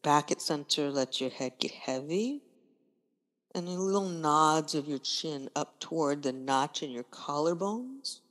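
A woman instructor guiding a yoga class with calm, unhurried cues in short, breath-led phrases. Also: sits low. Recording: long reverberant room echo.

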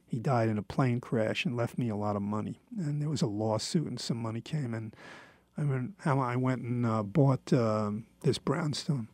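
A man in his seventies with a gravelly, creaky, slightly mellow voice at a middling pitch delivers a halting, rambling personal monologue. He sounds reflective and self-deprecating, and the recording is close and dry.

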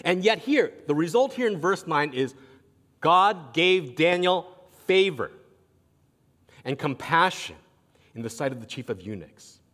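A man preaching a sermon as pastor, telling stories in an animated way and acting out what others say. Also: on the high side, unhurried, long pauses. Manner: animated storytelling, acting out quotes. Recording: long reverb of a large hall.

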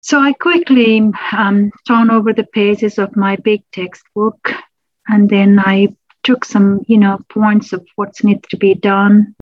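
A woman from Nepal, a public health lecturer, telling her personal story in an interview, reflective and pausing with restarts. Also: medium pitch, steady tone, no room sound, lo-fi sound.

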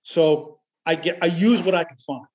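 A man talking casually in an interview, halting and rambling but enthusiastic. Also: a little high, a little mellow. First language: Chiac French. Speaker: amateur military history researcher, podcast guest. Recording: dull, lo-fi audio.

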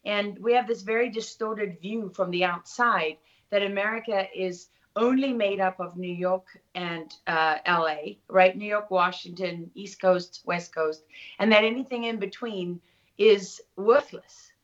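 Slightly dull, lo-fi audio captures a middle-aged Durban woman with a South African accent being interviewed. She talks at a measured pace in a medium-pitched voice, reflecting on things and sharing anecdotes in a conversational way.

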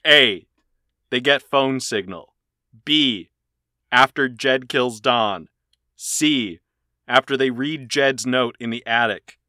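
Bright-voiced, joking male podcast host. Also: medium pitch, takes it slowly, long pauses, dry recording, studio quality. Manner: laughs often, jokey and rambling. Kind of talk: casual chat.

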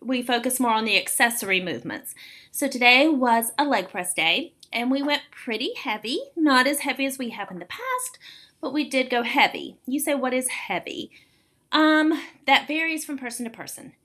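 A woman in her late forties with a bright, forceful voice pitched on the high side. She talks casually as a podcast host and coach, encouraging listeners and repeating words for emphasis. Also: animated, normal speed. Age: late 40s. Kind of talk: casual explanatory podcast talk.

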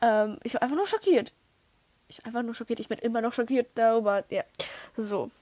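A young woman hosting a podcast in casual chat, excitable, with dramatic outbursts and English slang thrown in. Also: a little high, a little fast, a little hiss or hum. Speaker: podcast host.

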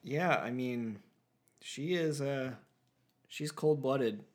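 A man talks through a film with his co-host in a loose, rambling way, dropping "like" into nearly every phrase. His voice sits at an ordinary middle pitch, and the talk stays relaxed and unscripted. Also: slow pace. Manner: rambling, heavy on filler "like". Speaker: podcast co-host. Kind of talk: casual movie discussion.

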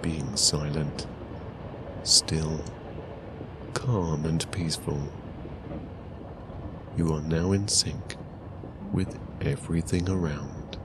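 A man narrating a guided sleep story in a calm, soothing, hushed voice with long pauses. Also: rumbling low, noisy background.

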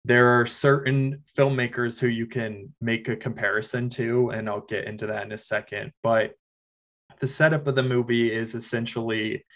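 Guy at a normal pitch reviewing a horror movie on a podcast, super earnest, lots of ums. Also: fairly even intonation, fairly bright tone. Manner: earnest and enthusiastic, halting with fillers. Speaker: podcast co-host and film critic. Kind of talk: casual film review chat.

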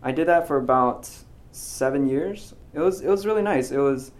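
In a casual interview, a soft-spoken American physics student in his twenties who is about to graduate speaks hesitantly, with many ums and restarts. His voice sits a little high, and his pace is moderate.

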